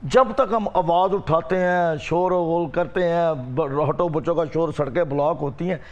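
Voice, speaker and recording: Insistent high-voiced man. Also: a little slow, highs cut off. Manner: forceful, insistent, keeps demanding to be heard. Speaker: rickshaw union representative guest. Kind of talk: heated studio debate.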